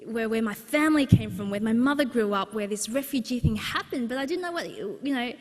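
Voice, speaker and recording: A young adult Australian woman, an author, tells a personal story at a book launch, earnest and conversational, restarting her sentences often. Her voice sits a little high, with lively intonation, a fairly quick pace and a darkish tone. She is in a large exhibition centre hall, and the recording carries a long hall reverb.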